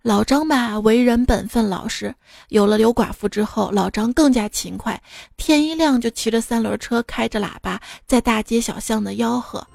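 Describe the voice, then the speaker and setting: A woman's voice: on the high side, normal speed, creaky, a little mellow, no echo, studio quality. A woman radio host telling cold jokes in a playful storytelling manner, briefly putting on voices for her characters.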